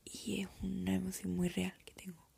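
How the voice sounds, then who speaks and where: Young woman in her twenties, mellow, husky whisper, hesitant confessional vlogger. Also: mid-range voice, monotone, normal speed. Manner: soft whisper, hesitant and reflective. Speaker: art student.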